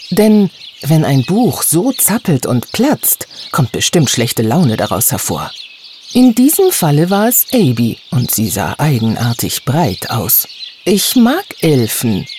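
A man narrating a children's audiobook in an expressive storytelling voice. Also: noisy background. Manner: expressive storytelling with lively pitch.

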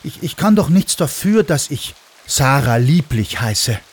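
A man's voice: mid-range voice, big pitch swings, unhurried, breathy edge, heavily acted. A man voicing a timid but brave little girl who talks hesitantly and earnestly.

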